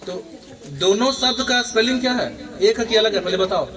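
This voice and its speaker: At a fairly quick pace, a male teacher with a high voice conducts a morning assembly lesson, prompting students to call out answers together. Children's voices are audible behind him.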